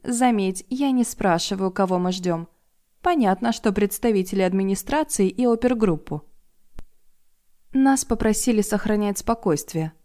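Woman reading as an exasperated lady, loud, sarcastic, mellow voice. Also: medium pitch, normal speed, voice pushed up, close to an everyday voice. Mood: wry. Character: indignant, sharp-tongued middle-aged woman.

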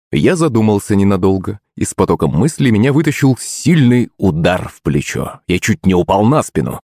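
A man's voice: lowish voice, darkish tone, no room sound, studio quality. A man reading a first-person audiobook story in a wry, ironic manner.

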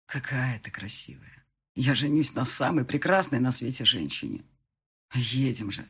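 A woman voicing a confident, teasing young groom in an audiobook, speaking lower and firmly. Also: big pitch swings, normal speed, darkish tone, husky, full character voice. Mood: tender.

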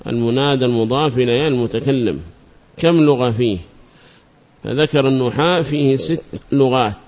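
Man teaching grammar, dull lo-fi sound. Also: mid-range voice. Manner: recites verses in a chanting tone; repeats examples slowly and deliberately. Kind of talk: explaining a grammar poem. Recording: dull lo-fi recording.

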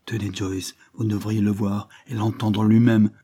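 A man reading aloud voices a calm, firm gentleman lawyer, steady and earnest. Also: lowish voice, measured pace.

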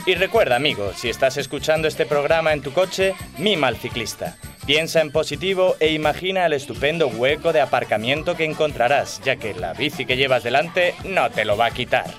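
A man's voice: fairly high pitch, lively intonation, fairly quick, a bit bright, soft background music. A man reading a short scripted radio spot in a friendly, persuasive way. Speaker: announcer.

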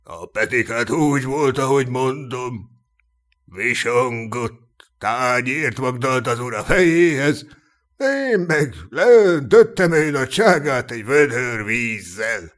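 A man voicing a cynical, sharp-tongued knight of peasant birth in a humorous fantasy audiobook, chuckling and mocking as he tells his tales. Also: medium pitch, close to an everyday voice. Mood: dry. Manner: mocking, chuckling, earthy storyteller. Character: cynical boastful human knight, commoner-born, sharp-tongued. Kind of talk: audiobook character reading.

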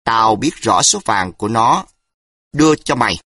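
A man's voice: fairly low pitch, expressive, moderate pace, a bit bright, breathy edge, no echo, clean studio sound, exaggerated voice. A man voicing a menacing, brutal tough man who snarls threats.

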